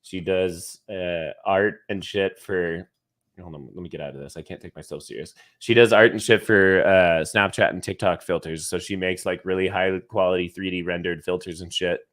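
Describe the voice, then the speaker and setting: A fairly low-voiced man in loose livestream banter, pumped up and cursing freely. He laughs easily and talks through a computer mic on a call. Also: steady tone, normal speed, a bit bright. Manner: hyped, swears often, laughs easily. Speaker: livestream co-host. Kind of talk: casual chat.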